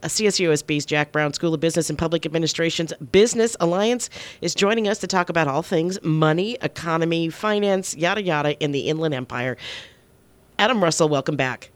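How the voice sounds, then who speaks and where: A woman's voice: deep voice, fairly quick, no echo. A woman who has a cold, hosting a morning radio show with light, laughing banter. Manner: laughs easily, friendly banter. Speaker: radio host.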